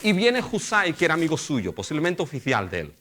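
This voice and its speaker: A man's voice: on the high side, huge pitch swings, a little fast, fairly bright tone, a little hiss or hum. A middle-aged male pastor delivering a sermon. He keeps asking the congregation rhetorical questions and addressing them as brothers.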